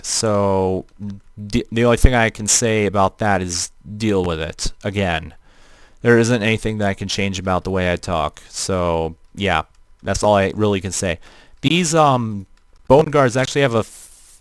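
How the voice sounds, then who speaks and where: A man's voice: on the low side, clean tone, no room sound. Man with a robotic, metallic-sounding voice. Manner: rambling, many fillers and restarts. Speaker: streamer. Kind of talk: live-stream gameplay commentary.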